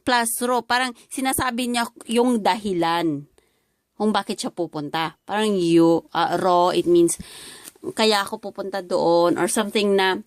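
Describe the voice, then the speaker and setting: A language teacher with a Filipino accent gives a classroom-style lesson, explaining a dialogue word by word with many fillers and mixing languages as she goes. Her medium-pitched voice is unhurried, and the studio-quality recording has no echo.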